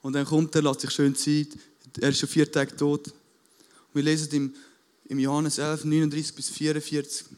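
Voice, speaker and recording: A man preaching a sermon on a church stage with a band waiting, fervent and casual, dropping English buzzwords and rising to loud appeals. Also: a little high, completely flat delivery, moderate pace.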